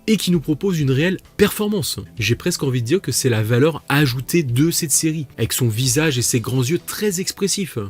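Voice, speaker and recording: A man's voice: a little high, lively intonation, brisk, few pauses, music in the background. A man reviewing a TV series in a casual video, chatty and self-mocking, with jokey asides.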